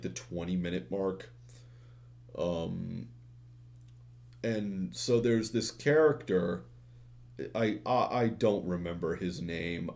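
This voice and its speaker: A man's voice: deep voice, darkish tone. A young man giving a rambling, profane, exasperated movie review, full of restarts and filler words.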